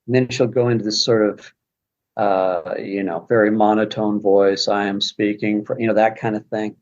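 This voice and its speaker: A man's voice: fairly low pitch, steady tone, moderate pace, a little mellow, muffled recording. A man speaking as a podcast guest, rambling casually with many restarts. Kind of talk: casual conversation.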